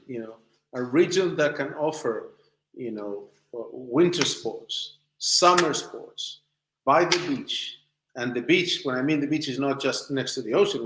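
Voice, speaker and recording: An echoey recording captures a medium-pitched man, a documentary maker from Chile and southern Spain with Spanish as his first language, answering interview questions conversationally. He searches for words, and background noise is audible.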